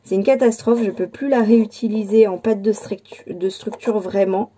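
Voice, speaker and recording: A scrapbooking host walks through her handmade album in a relaxed show-and-tell, stumbling with fillers and restarts. Her voice sits in the mid range, mellow and at normal speed, with a faint hiss or hum in the recording.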